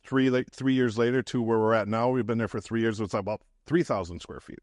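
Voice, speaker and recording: A man's voice: mid-range voice, fairly even intonation, fairly quick, darkish tone, no room sound, studio quality. A man from the Midwest, a real estate investor, chatting casually as a podcast guest in a folksy, storytelling way. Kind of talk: casual interview chat.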